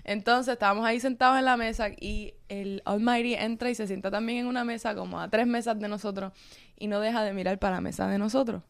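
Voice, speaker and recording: A young woman telling a story in casual chat, animated and switching into English. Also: medium pitch, quick pace, creaky. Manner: animated, mixes English into Spanish.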